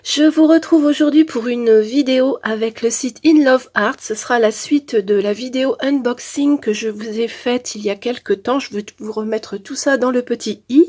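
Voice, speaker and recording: A woman hosts a casual craft showcase in a fairly high voice. It is husky and nasal, stuffed up by a head cold. She narrates informally, piece by piece. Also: moderate pace, few pauses, a little mellow. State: has a head cold with blocked nose. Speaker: craft channel host.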